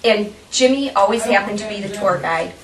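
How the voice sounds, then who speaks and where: A woman, the officer's sister and a teacher, tells lively family stories, laughing and acting out quotes. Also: mid-range voice, a little fast, a little hiss or hum. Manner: animated, laughing storytelling with acted quotes. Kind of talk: family remembrance interview. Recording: roomy, distant mic with people murmuring.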